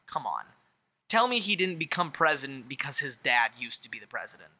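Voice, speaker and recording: A man's voice: mid-range voice, brisk. A young man in casual conversation, talking animatedly and swearing freely. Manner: animated, swearing, shouts when acting out quotes. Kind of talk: casual chat.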